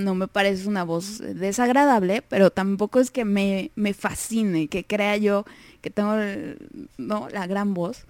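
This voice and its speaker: A woman's voice: mid-range voice, a little mellow, no room sound. A young woman with a Mexican Spanish accent hosting a casual radio show, chatty and self-deprecating, laughing often.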